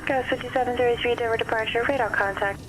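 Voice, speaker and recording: A woman's voice: fairly high pitch, poor audio. A woman air traffic controller heard as a radio transmission over a pilot's cockpit headset, giving clipped, matter-of-fact radio calls. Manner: flat, rapid and matter-of-fact.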